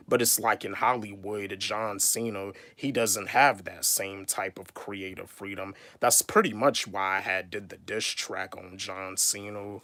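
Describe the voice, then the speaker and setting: A young man in his twenties talks to his viewers in a relaxed livestream, circling back to the same points again and again. His delivery is slow and unhurried, his voice bright and forward, and the sound is dry and close with no room around it. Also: lowish voice, no echo. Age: 20s. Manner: repetitive, restates each point, calls out viewers by name. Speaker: YouTuber and rapper. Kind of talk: casual livestream chat with viewers.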